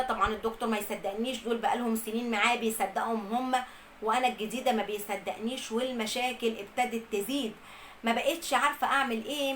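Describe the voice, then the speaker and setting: A young woman with an Egyptian Arabic accent tells her own story at a brisk, rushing clip. Her voice sits a little high, and she speaks earnestly, piling up emphatic lists. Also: a bit bright, a little hiss or hum, poor audio. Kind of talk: first-person storytelling.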